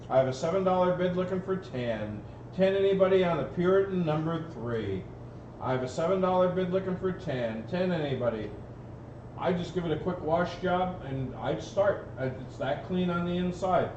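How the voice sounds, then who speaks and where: A man's voice: sits high, lively intonation, moderate pace. A man working as an auctioneer at a live auction, calling bids repetitively with folksy, casual banter. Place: auction gallery room, livestream. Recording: roomy, distant mic, dull, noisy.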